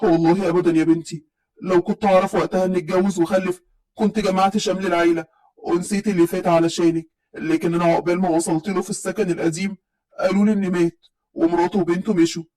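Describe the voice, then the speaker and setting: A woman playing an elderly village patriarch from Upper Egypt in a storybook tale. He is affectionate but stern, with an Upper Egyptian accent, and his lines are read at a brisk pace. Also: high-pitched, little pitch movement, a little mellow, pitched below the performer's own voice, close to an everyday voice, rough recording. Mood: tender.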